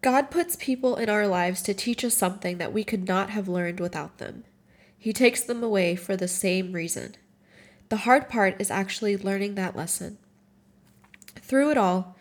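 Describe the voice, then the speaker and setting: This Moroccan woman in her twenties has a mid-range voice and sounds tearful and tired. She shares a personal reflection, reading aloud from her own writing, her delivery halting and emotional with many restarts.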